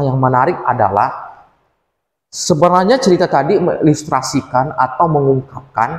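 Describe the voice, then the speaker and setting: Man telling a children's story in an echoey hall. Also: on the high side. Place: church hall.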